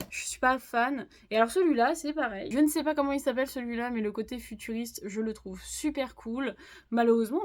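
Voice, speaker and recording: A woman's voice: on the high side, a little mellow. A woman chatting casually to her viewers as she shows off a haul of new books, with lots of fillers and little laughs. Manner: chatty, frequent "euh" fillers, laughs at own jokes. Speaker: manga haul vlogger. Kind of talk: casual unboxing chat to viewers.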